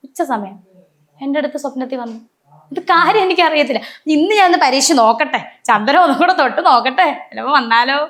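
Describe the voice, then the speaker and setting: A woman's voice: high-pitched, fast talker. A woman in an emotional personal interview, telling stories and acting out the voices of the people in them, often stopping to correct herself. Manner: animated storytelling, acting out quoted voices; frequent restarts and self-corrections.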